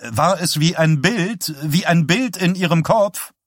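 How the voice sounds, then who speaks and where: A man's voice: fairly high pitch, measured pace, no echo, clean studio sound, voice pushed up. A man voicing an eager male newspaper reporter asking a hesitant question.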